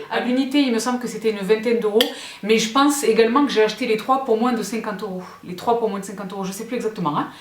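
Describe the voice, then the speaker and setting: A woman's voice: mid-range voice, a bit bright. A woman vlogging about home decor, chatty and gushing, often checking in with her viewers. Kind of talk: casual show-and-tell vlog. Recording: roomy echo.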